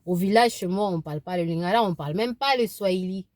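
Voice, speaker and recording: A quick-talking vlogger with a low, slightly mellow voice speaks casually to camera from her car, sharing opinions with frequent fillers, restarts, and repetition. She's in her thirties, from eastern Congo (DRC), with Kibembe as her first language, and the recording is dry and studio quality.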